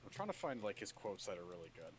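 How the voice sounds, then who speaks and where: A man's voice: low voice, very animated, fast talker, a little hiss or hum. A man chatting casually while gaming, rambling and swearing freely. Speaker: gamer.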